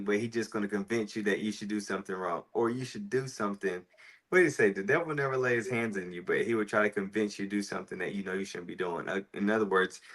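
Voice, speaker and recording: Man retelling stories with animated restarts. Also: on the low side. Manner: animated storytelling, frequent restarts. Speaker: podcast co-host. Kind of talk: casual faith talk.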